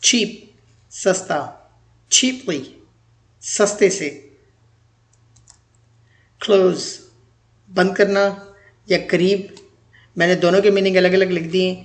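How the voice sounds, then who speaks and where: A male teacher giving a grammar lecture, reading words out slowly one by one for pronunciation drills. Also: sits high, little pitch movement. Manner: slow, deliberate word-by-word pronunciation drills.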